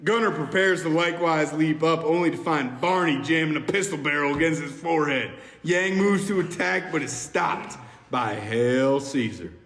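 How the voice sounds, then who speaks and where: At an amateur table read, a podcast member reads a screenplay's stage directions dramatically. His voice is a little high and a bit bright, at normal speed, and the echoey hall carries faint noise.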